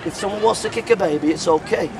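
A man's voice: high-pitched, fast talker, gravelly, crowd noise. A middle-aged male street preacher in a debate, assertive and repetitive, cutting in to take back the floor. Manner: assertive, keeps cutting in, repeats phrases. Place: outdoor city square. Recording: outdoor recording with street noise.

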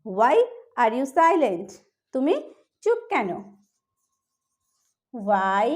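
Bengali-accented woman, high voice, patient phrase-drilling English tutor for beginners. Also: a little mellow. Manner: slow, carefully drilled repetition of phrases. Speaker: English teacher. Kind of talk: spoken English lesson for beginners.

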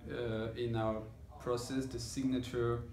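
An audio engineer in his thirties explains a measurement process informally, hesitating and searching for words. His mid-range voice keeps a level tone at a measured pace. He's in an indoor listening room with loudspeakers, where the recording picks up roomy echo and background room noise.

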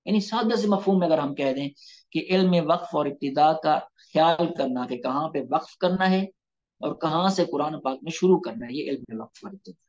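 A man's voice: on the high side, moderate pace, a little mellow. A male Islamic scholar teaches Quran recitation over a phone call, with a slightly raised voice. The audio is dull and lo-fi. He explains step by step, repeating terms and checking in with his listeners. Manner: explanatory, repeats key terms, asks rhetorical questions. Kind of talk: online lecture with Quran and hadith recitation. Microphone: mobile phone on a video call.

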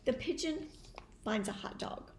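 Talking to a camera at table distance, a middle-aged teacher shares tips on reading aloud from her home's kitchen and dining area. Her slightly high voice is animated but a little slow. Faint background noise and a roomy echo fill the recording.

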